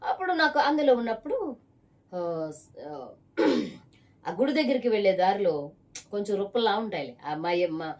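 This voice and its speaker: A woman's voice: medium pitch, sing-song, normal speed, long pauses, far from the mic. Emphatic woman preaching. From Visakhapatnam area, Andhra Pradesh. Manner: emphatic, pointed rhetorical questions to one listener. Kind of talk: preaching testimony.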